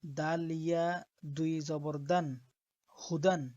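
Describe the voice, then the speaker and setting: A woman teaching Quran reading, who spells out letters slowly and often checks that her listeners are following. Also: deep voice, level tone, dark tone, no echo, lo-fi sound. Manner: slow, patient, checks in with "ঠিক আছে?".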